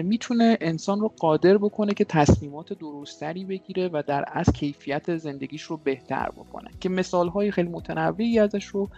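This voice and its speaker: Polite expert man, gravelly voice, formal explainer with hesitations; dull lo-fi podcast audio, faint music bed. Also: a little high, darkish tone. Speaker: guest expert on data mining.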